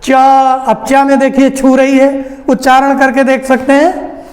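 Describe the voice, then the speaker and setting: A male teacher, giving a slow, deliberate phonetics lesson and sounding out each letter aloud. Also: extremely high pitch, completely flat delivery. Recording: echoey room with long reverb.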